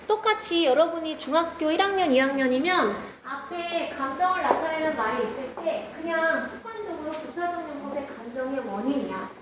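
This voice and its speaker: A middle-aged woman teacher with a high voice works through grammar points for her class, talking the students through each step. She sounds far from the microphone, in a very echoey classroom. There is clear background noise behind her. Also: lively intonation, a little fast, hardly any pauses. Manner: explains step by step and tells students to take notes, with asides to them. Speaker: English teacher.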